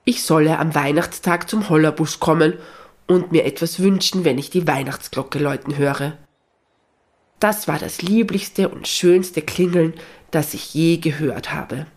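An old, gentle dog from a children's storybook recording, speaking in a soft, slow, husky voice. He sounds weary and kindly, voiced by the narrator of the tale. His pitch sits in a plain middle range. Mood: reminiscing.

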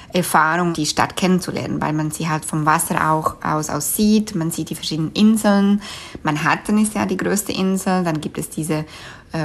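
A woman from Switzerland with a Swiss German accent answers interview questions as a guest, speaking thoughtfully in a lowish voice. She often pauses with fillers and restarts her sentences.

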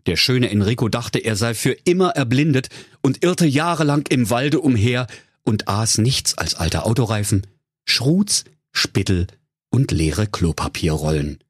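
A man's voice: medium pitch, animated, unhurried, slightly rough, dry recording, clean studio sound. A man telling a comic fairy tale in a playful way. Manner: playful, with wide swings in tone. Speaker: storyteller.

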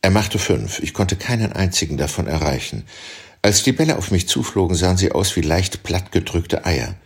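A man reading a literary novel aloud as an audiobook, with measured, expressive storytelling. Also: deep voice, slightly rough. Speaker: audiobook reader.

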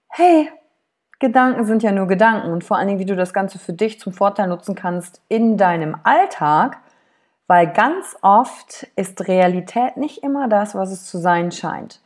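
A woman's voice: mid-range voice, normal speed. Woman, self-help podcast host, chatty, direct questions to listener. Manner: lively, addresses listener directly with rhetorical questions. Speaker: podcast host and seminar coach.

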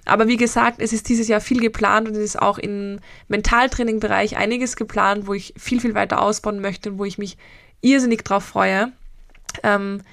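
A woman in her late twenties with an Austrian accent speaks in a reflective solo podcast, drifting from thought to thought and pausing to hesitate. Her voice is mid-pitched and the recording is dry and close, with no room sound. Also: fairly even intonation, vocal fry, a bit bright, no echo. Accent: Austrian German. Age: 20s. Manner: rambling and personal, with frequent hesitations. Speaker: mental coach and podcast host.

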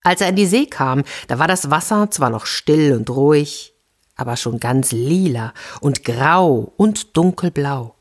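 A woman with a low, deep voice reads a fairy tale aloud for children. Her storytelling is lively and expressive. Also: measured pace.

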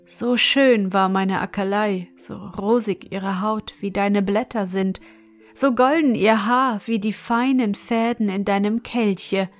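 A woman's voice: medium pitch, slow pace, faint music behind. A woman voicing a loving, anxious mother in a fairy tale read aloud, tender and pleading. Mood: tender, longing.

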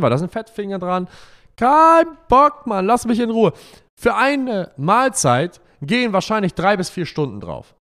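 A young man in a brash, profane monologue, mocking and emphatic as he rants. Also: a little high. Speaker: money and lifestyle talker. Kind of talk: provocative monologue.

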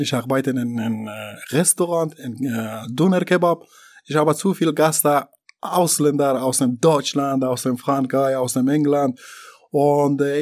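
A man from Afghanistan, not a native German speaker, talking in an interview in halting, broken German with many fillers and restarts. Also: medium pitch, a little mellow. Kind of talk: interview about his deportation.

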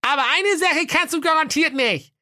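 A man voicing a cheeky, smug talking dog who flatters and taunts in a comic fairy-tale reading. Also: normal speed, no echo, clean studio sound, exaggerated voice. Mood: cheeky taunting. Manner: high squeaky falsetto, taunting and wheedling.

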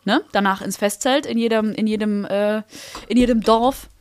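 A young woman, chatting casually as a podcast co-host and telling stories in a lively, blunt way. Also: medium pitch, normal speed. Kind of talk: casual chat.

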